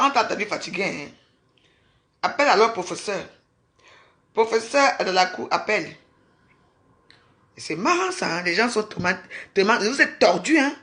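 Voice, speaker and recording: A woman tears into her critics in a bright, forceful voice. She scolds and mocks them in a heated vlog rant, throwing the same insults back again and again. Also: medium pitch. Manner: scolding, mocking, repeats insults. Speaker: vlogger. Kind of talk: angry rant at commenters.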